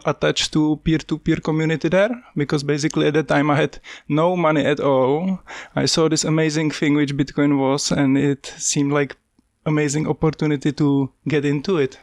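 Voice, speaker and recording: A man's voice: fairly high pitch, steady tone, moderate pace, no echo. Czech-accented man, dry close voice. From Czech Republic. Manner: earnest, plain-spoken, small slips in English. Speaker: podcast guest. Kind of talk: casual interview, telling his life story.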